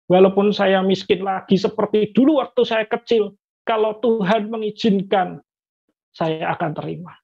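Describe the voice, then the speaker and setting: A man's voice: sits high, normal speed, gravelly, slightly rough. A man giving a personal faith testimony to a congregation, speaking earnestly and often addressing the listeners directly as brothers and sisters. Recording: dull lo-fi recording.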